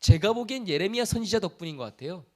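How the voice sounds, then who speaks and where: A man's voice: high voice, expressive, quick pace, a little mellow. A male pastor giving a conversational sermon, asking the congregation questions and acting out quoted speech. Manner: conversational preaching with rhetorical questions; acts out God's voice in quoted lines.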